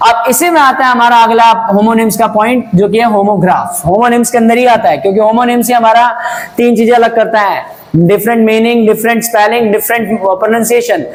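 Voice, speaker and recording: A man's voice: very high voice, a little fast, low-quality recording. A man teaching English grammar in Hindi, mixing in English phrases and spelling words out letter by letter. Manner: explains patiently, asks and answers own questions, says "bhai". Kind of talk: Hinglish classroom lesson.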